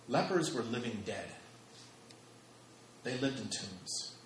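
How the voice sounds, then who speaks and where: An American pastor in his thirties preaches a sermon emphatically, repeating phrases for stress. His mid-range voice is animated yet slow, with a little hiss or hum and an echoey hall with faint ambience.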